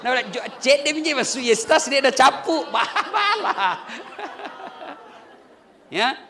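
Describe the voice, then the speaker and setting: A male preacher giving a joking, animated wedding sermon to a live audience, full of rhetorical questions. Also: very high-pitched, normal speed, a little hiss or hum. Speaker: Islamic preacher.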